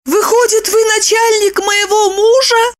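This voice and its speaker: A woman voicing an excitable, indignant young woman in an audiobook, with a squeaky, shrill, insistent delivery. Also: measured pace. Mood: furious. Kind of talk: audiobook character reading.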